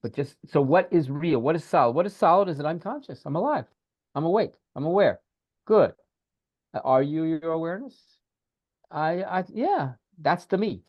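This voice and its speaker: Animated man coaching in a muffled call. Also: on the high side, normal speed, dry recording. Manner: animated, repetitive, coaching a guided breathing exercise. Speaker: podcast co-host, spiritual teacher. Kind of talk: casual podcast conversation.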